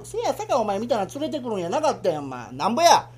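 Man doing a gruff, stingy Kansai father. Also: very high voice, huge pitch swings, very fast, heavily acted. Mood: exasperated. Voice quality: gruff, scolding. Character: grumpy stingy middle-aged father. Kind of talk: rakugo storytelling.

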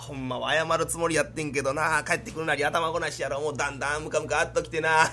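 A man's voice: fairly high pitch, fairly even intonation, quick pace, pushed and bright, slight background noise, voice pushed down. A man voicing a theater-crazy young heir with a Kansai accent who slips into stagy kabuki declamation. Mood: chatty. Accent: Kansai Japanese.

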